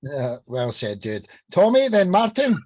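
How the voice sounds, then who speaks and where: Lively-voiced podcast host man. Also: on the high side, a little slow, no echo. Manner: repeats "well said", calls on guests by name. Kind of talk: hosting a video-call podcast.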